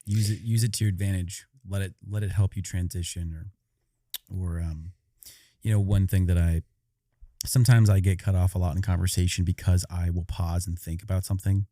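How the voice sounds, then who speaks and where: A man co-hosting a podcast, reflective and thinking aloud, soft and hesitant in casual chat. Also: low-pitched, fairly even intonation, brisk, dry recording, studio quality. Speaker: podcast co-host.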